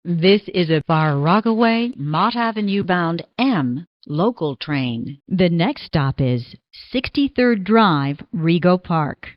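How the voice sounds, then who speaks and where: A woman making formal, measured train station announcements, her recorded words spliced together one by one. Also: lowish voice, expressive, no room sound. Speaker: transit announcer. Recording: dull lo-fi recording.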